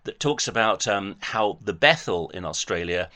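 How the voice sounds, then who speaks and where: Bright, lively man debating hard. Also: lowish voice, moderate pace. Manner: pressing, argumentative, quotes references. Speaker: host debating a caller. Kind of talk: heated phone debate.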